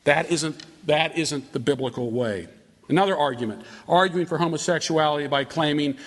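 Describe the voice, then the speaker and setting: A man's voice: a little high, fairly bright tone. Man giving a rambling Bible lecture. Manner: storytelling with frequent restarts. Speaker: Bible teacher. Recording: reverberant hall.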